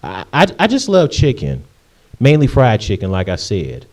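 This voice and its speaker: Answering viewer questions in his casual Q&A vlog, a late-twenties Michigan man speaks in a lowish voice whose pitch swoops wildly, at a moderate pace. He rambles in a chatty way, frequently restarting and saying um.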